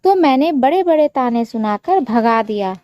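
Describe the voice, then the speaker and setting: A woman's voice: high voice, lively intonation, moderate pace, dark tone, dry recording. A woman doing a scornful mother-in-law. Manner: taunting, scolding. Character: harsh scornful middle-aged mother-in-law.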